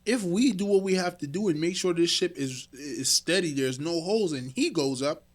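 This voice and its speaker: Young man co-hosting, slightly high voice. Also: lively intonation, normal speed. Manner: encouraging, sums up the point. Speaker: podcast co-host. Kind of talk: casual chat.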